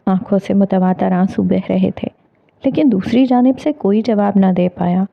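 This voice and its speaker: A woman narrating a dramatic novel in a measured, expressive storytelling manner. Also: medium pitch, gravelly. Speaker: audiobook narrator. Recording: tinny phone-like audio.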